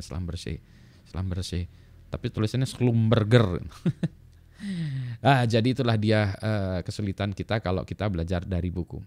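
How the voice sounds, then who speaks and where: A middle-aged man with a fairly low voice, talking casually to camera in a solo video. He rambles and often laughs at himself, and he spells words out letter by letter. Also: a little mellow. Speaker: lecturer in electrical engineering.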